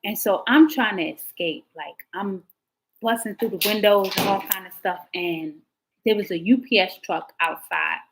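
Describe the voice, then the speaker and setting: Here a woman hosts tarot live, casually addressing viewers as a digressive storyteller whose voice jumps higher in excited moments. Her pace is moderate, and the poor audio carries a slight hiss or hum.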